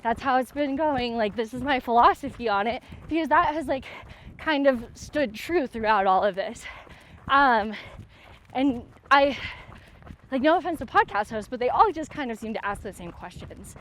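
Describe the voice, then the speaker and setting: Woman vlogging while out running, kinda high voice, rambly with lots of likes, bit of outside noise. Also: expressive, moderate pace, a bit bright. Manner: hesitant, filler-heavy, informal. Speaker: athlete and vlog host. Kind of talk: casual chat while running. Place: outdoors, on a run.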